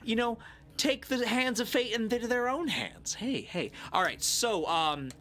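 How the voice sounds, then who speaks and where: High, lively male game master. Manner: halting, repeats words. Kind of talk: casual tabletop game narration on a group stream.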